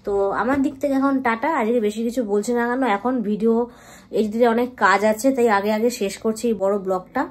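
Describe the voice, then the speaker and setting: Brief: rapid, chatty woman vlogger, voice sits a bit high. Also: steady tone. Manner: chatty, talks to viewers directly. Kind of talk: casual home vlog.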